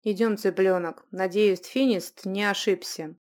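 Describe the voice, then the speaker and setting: A woman's voice: mid-range voice, steady tone, measured pace, a little mellow, natural voice. A woman voicing a sarcastic, defiant young man. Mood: mocking. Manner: mocking, blunt.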